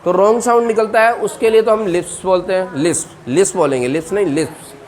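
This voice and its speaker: A man's voice: sits high, expressive, quick pace. A man teaching English vocabulary, drilling words and having the class repeat them, often checking in with the listeners. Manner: checks with frequent "ठीक है ना". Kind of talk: spoken English lesson.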